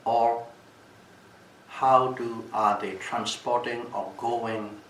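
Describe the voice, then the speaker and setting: A man with a Burmese accent giving a Buddhist talk as a teacher, telling stories in a deliberate, halting way and repeating phrases for emphasis. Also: mid-range voice, fairly even intonation, fairly bright tone. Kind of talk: dhamma talk with storytelling. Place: echoey room at a retreat. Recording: distant mic, echoey room, background hiss.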